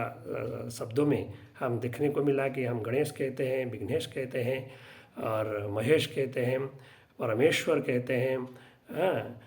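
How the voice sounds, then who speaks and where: A middle-aged man teaching Sanskrit grammar, spelling out each word slowly and deliberately, with frequent filler pauses. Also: mid-range voice, gravelly, darkish tone. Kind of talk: slow, drawn-out lesson explanation with many pauses.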